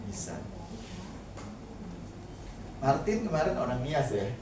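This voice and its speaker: Taking it slowly, a pastor with a sing-song mid-range voice gives a casual sermon full of humorous asides, frequently turning to the congregation. The church hall is very echoey, the mic distant, and background noise is audible.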